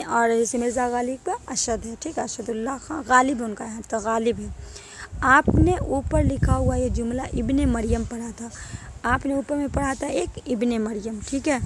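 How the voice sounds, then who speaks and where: A woman's voice: on the high side, noisy background. A young woman teaching an exam-prep grammar lesson, who keeps saying "ٹھیک ہے" and quizzes her listeners.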